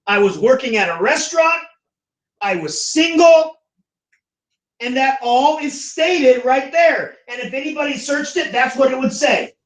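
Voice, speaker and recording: A man from the United States teaching a class, animated and acting out the voices he quotes. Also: very high voice, unhurried. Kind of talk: classroom lecture. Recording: echoey classroom from far off.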